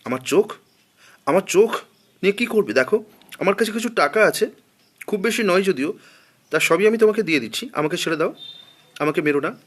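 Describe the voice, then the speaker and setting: A man's voice: wildly swooping pitch, normal speed, breathy edge, full character voice. Man doing a frightened pleading traveler. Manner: high, pleading, breathless. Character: terrified male traveler pleading with a robber.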